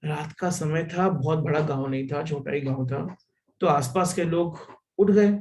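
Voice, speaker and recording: A man giving a spiritual discourse, telling a parable slowly and deliberately and repeating phrases for emphasis. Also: a little high, a little mellow, a little hiss or hum, low-quality recording. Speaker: spiritual teacher.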